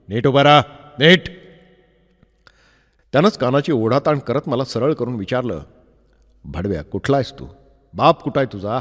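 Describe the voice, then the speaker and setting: A man with a Marathi accent reading a first-person novel aloud as an audiobook narrator, measured and dramatic, acting out the dialogue. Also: mid-range voice, a little mellow, slightly rough, big-room sound.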